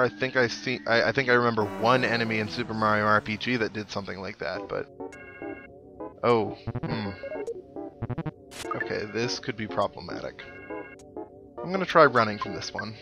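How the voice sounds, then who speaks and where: A man with a fairly low voice gives casual let's play commentary at normal speed with long pauses, musing aloud and reading on-screen text. Video game music plays behind him.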